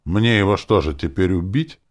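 A man doing a gruff, exasperated middle-aged father. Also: low voice, lively intonation, moderate pace, pitched above the performer's own voice. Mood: indignant.

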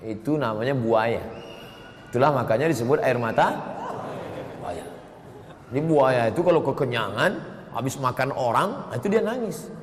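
A man's voice: mid-range voice, moderate pace, long pauses, slight background noise. Man preaching in an echoing hall. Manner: lively storytelling with chanted Arabic phrases. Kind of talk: sermon. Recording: echoey hall with faint ambience.

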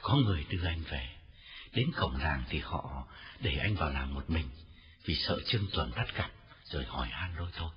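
A man voicing an exhausted, feverish young man who speaks low and haltingly, in an audiobook. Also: wildly swooping pitch. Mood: tired. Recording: dull lo-fi recording.

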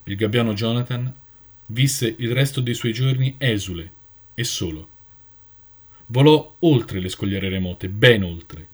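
Guy reading a story aloud, expressive, audiobook feel. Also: mid-range voice, breathy edge. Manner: dramatic, varied reading.

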